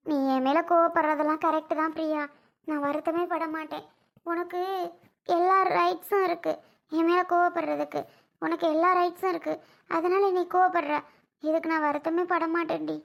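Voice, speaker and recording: A woman playing a gentle elder sister-in-law who pleads softly and tries to soothe. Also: extremely high pitch, flat delivery, normal speed, gravelly. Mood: soothing.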